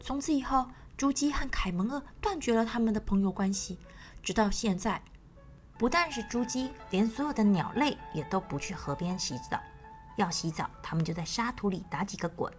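A woman's voice: mid-range voice, expressive, moderate pace. A woman narrating a children's story in a sing-song manner, speaking to young listeners. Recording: faint background music.

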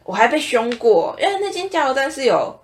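A young woman from Taiwan with a Taiwanese Mandarin accent, co-hosting a casual podcast chat and telling stories with lively acted-out voices. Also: high voice, brisk. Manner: animated storytelling, acts out customers' voices. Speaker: podcast co-host.

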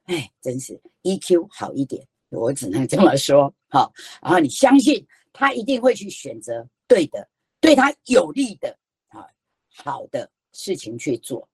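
Older taiwanese lady lecturing, low husky voice, pitch swings all over, folksy and emphatic. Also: no echo. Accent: Taiwanese Mandarin. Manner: animated and folksy, with emphatic rhetorical questions. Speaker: storytelling educator giving a lecture. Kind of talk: lively lecture.

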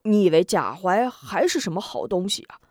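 A woman voices a seasoned male bandit who is worn out by his partner. He scolds and sighs through a lively, up-and-down delivery, recorded close and dry. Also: medium pitch, moderate pace, dry recording. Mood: exasperated. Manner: weary, exasperated scolding. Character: worldly older male bandit, exasperated.

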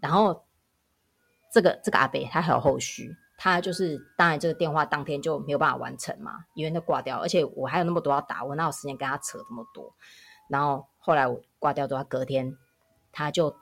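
A woman, a public health nurse telling work stories in a casual podcast chat, animated and emphatic. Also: low voice, quick pace, vocal fry.

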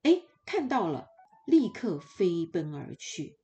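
A woman narrating a fairy tale for children, expressive and playful, speaking directly to young listeners. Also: on the low side, slow, dull audio, faint music behind. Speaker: children's storyteller.

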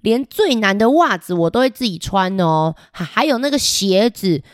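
A woman with a mid-range, natural voice and big pitch swings reads a picture book aloud, playing a talkative boy on the verge of kindergarten. Cheerful and boastful, she giggles and plays directly to the children at a normal pace. The studio sound is clean and dry.

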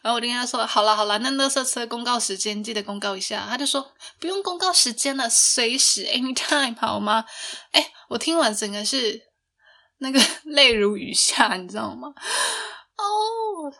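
A woman's voice: a little high, creaky, bright, forceful tone. A young woman hosting a podcast, telling a personal story in a chatty way, laughing often and asking listeners rhetorical questions. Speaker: podcast host.

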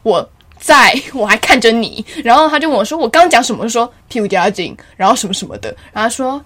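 A woman's voice: on the high side, quick pace. A teenage girl co-hosting a podcast, telling school stories in casual chat and laughing often. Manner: animated storytelling, laughing often. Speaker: podcast co-host.

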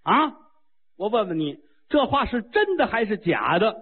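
Haughty old immortal woman, slow and scolding, voiced by a male storyteller; husky, tinny radio sound. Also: high voice, sing-song, full character voice. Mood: stern. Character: elderly female Taoist immortal, stern and haughty.

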